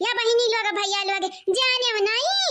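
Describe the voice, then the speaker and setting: Squeaky Awadhi old man. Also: sing-song, normal speed, full character voice. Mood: boastful. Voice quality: high, squeaky cartoon voice. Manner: sing-song, loud boasting and wailing. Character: boastful old village man, money-proud and then panicking. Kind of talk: cartoon voice acting. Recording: heavy background noise.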